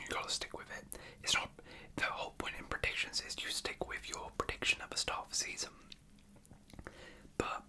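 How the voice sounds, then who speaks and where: A British ASMR host from the United Kingdom whispers through casual, unscripted chat, hesitant and rambling as she goes.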